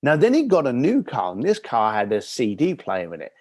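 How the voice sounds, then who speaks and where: A man's voice: medium pitch, wildly swooping pitch, brisk, darkish tone, no echo. A man, a guest in an interview, telling stories with animation and acting out the voices in them. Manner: acts out the voices in his stories.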